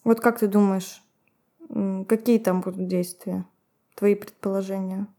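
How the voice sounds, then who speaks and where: A woman's voice: mid-range voice, fairly even intonation, measured pace, mellow. A woman co-hosting a podcast, retelling events and commenting with laughs. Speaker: podcast co-host. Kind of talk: podcast storytelling.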